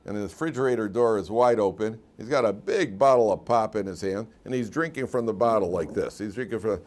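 A man's voice: lowish voice, brisk, a little mellow, slight background noise. A man, a rabbi giving a weekly Torah class as an informal lecture full of stories, repeating words and laughing at his own tales.

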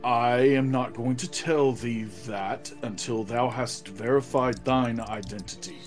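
A man's voice: medium pitch, measured pace, lightly acted. Man as an earnest, archaic-talking fantasy warrior. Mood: earnest, wary. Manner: formal archaic thee-and-thou speech. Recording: clear music bed.

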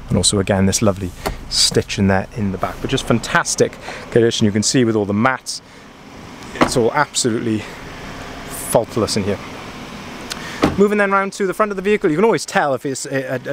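A man talks through a pickup truck's features with eager praise, sprinkling in ums and uhs. His voice sits at a middle pitch. The camera-mic recording carries a faint hum of outdoor noise. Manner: chatty, enthusiastic, frequent ums and uhs. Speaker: car sales manager. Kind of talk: walkaround vehicle review. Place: inside a pickup truck, then outdoors at a dealership yard.

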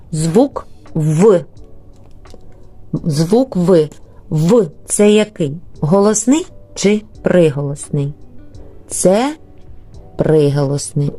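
With a warm, lowish voice, a female teacher leads small children through beginning reading, drawing out each word slowly, one syllable at a time.

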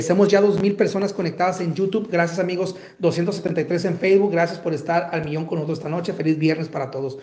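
A man with a Mexican accent hosting a live paranormal investigation stream, urgent, calling out loudly to a spirit and then dropping to hushed whispers. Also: sits high. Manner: urgent, shifts between loud calls to a spirit and hushed whispers. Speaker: paranormal livestream host.

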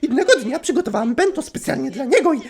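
A man doing a shrill, whiny teenage schoolgirl. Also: very animated, fast talker, full character voice. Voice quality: high squeaky put-on voice.

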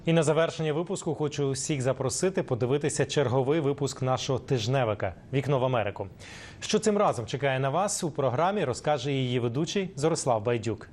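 A man presenting a television news program in a measured, formal way. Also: medium pitch, lively intonation, a little mellow, a little hiss or hum. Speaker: news anchor.

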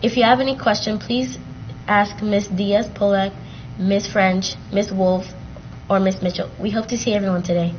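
A woman's voice: medium pitch, steady tone, lo-fi sound, slight background noise. Teen girl reading school announcements. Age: teens. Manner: reads announcements carefully, slows for codes. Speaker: student news anchor. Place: school TV studio, green screen.

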